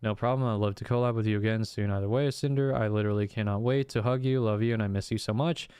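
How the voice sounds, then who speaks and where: A man's voice: fairly low pitch, quick pace, clean tone, no echo, clean studio sound. A man streaming, reading a document of messages aloud with casual commentary and the odd outburst. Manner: reads text flatly, breaks off with swearing and laughs.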